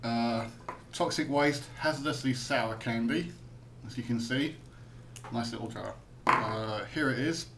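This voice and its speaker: A British man films a casual taste test while eating sour candy. He talks slowly at a middling pitch, with winces and groans. There is faint noise behind him. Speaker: taste tester presenting to viewers.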